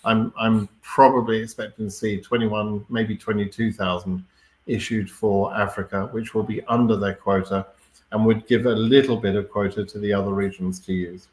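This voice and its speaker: A man hosting a live question-and-answer stream, explaining things in a relaxed way and often checking in with "right?" and fillers. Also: on the low side, moderate pace, reverberant. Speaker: host answering viewer questions. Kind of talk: live Q&A chat.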